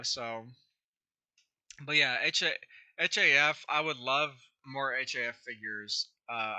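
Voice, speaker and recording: A young YouTube creator with a hoarse, scratchy throat chats casually on a livestream, answering viewers. His medium-pitched voice has a sharp tone, and he rambles with many fillers and restarts.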